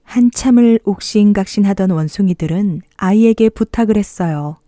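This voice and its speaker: A woman reads a bedtime fairy tale as if to a toddler. Her voice is very dark and soft-edged, with gentle, expressive storytelling, recorded dry and close. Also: mid-range voice, normal speed, no echo. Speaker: storybook narrator. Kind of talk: bedtime fairy tale narration for young children.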